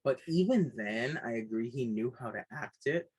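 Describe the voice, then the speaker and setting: Husky man chatting about a film. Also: medium pitch, moderate pace, low-quality recording. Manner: animated, puts on voices when quoting himself. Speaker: podcast co-host, film reviewer. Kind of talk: casual film review chat.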